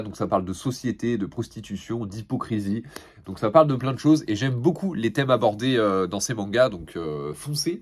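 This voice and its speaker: A young man talking through a pile of manga in a laid-back, rambling way. His voice sits at an ordinary pitch for a man, and he fills gaps with hesitations and repeated starts. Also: breathy edge. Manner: laid-back, chatty, many fillers and restarts; laughs between remarks. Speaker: manga reviewer. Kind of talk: casual manga haul review.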